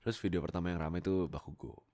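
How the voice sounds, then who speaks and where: Speaking fast in a low, mellow voice, this young man from Indonesia chats to his followers through a close USB mic. He is an amateur voice actor and content creator, and he shares casual stories about that life in an informal, giggly, self-deprecating way.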